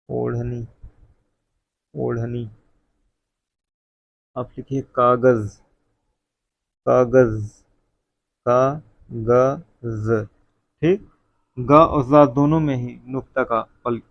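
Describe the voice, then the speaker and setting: Man, Hindi teacher, very slow dictation, gravelly voice, dry dull lo-fi sound. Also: mid-range voice, dry recording. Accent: North Indian Hindi. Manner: slow, repeats each word for dictation; addresses viewers as friend. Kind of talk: spelling dictation lesson.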